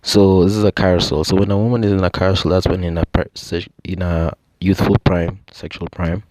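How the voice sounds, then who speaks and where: Low-voiced Kenyan man explaining. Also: little pitch movement, a little fast, a little mellow. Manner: explanatory, frequent "you know" and "I think" asides. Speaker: podcast host. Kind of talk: casual monologue.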